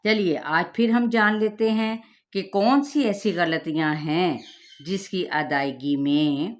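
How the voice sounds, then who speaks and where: A woman with a somewhat low voice gives a tajweed lesson. She explains patiently and slows down to demonstrate each sound carefully. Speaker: Quran recitation teacher.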